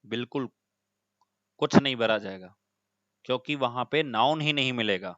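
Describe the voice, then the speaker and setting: A man's voice: medium pitch, moderate pace, bright, forceful tone, no room sound, muffled recording. A man teaching an online class, explaining step by step and often putting questions to his students.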